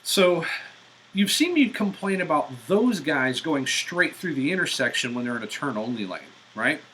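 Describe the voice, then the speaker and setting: A man's voice: a little high, sing-song, normal speed, a bit bright, slight background noise, poor audio. A man ranting profanely and in exasperation during a live-stream driving vlog, recorded in a car on a portable device's built-in mic. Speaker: vlogger.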